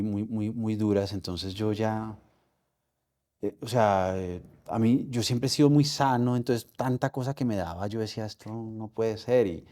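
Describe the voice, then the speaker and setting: A middle-aged man with a Colombian accent, telling a personal story in an interview, halting and emotional with many restarts. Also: fairly low pitch, dark tone. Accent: Colombian Spanish. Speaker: interview guest.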